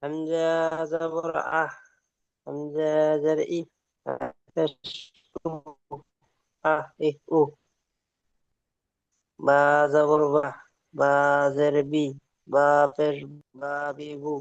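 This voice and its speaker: Slow, flat-voiced male student reciting. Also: fairly high pitch, clear, resonant tone, no echo, muffled recording. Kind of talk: reciting a reading drill.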